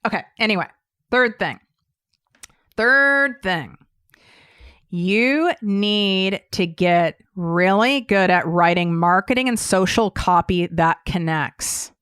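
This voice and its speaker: Speaking slowly at a medium pitch, this American podcast host has a smooth, slightly bright voice. She coaches her listeners directly in a casual solo talk, blunt and emphatic, with offhand swearing. The recording is dry and studio-clean.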